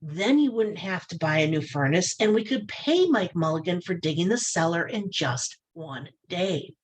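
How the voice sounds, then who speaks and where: A woman voicing an eager, earnest little boy with bright ideas in a storybook reading. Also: fairly low pitch, moderate pace, natural voice. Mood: earnest, suggesting. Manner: excited, urgent, earnest.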